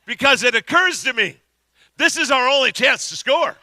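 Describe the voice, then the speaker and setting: A middle-aged man preaching a sermon as pastor, telling a story with animated energy and shouting at the big moments. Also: extremely high pitch, moderate pace, no room sound.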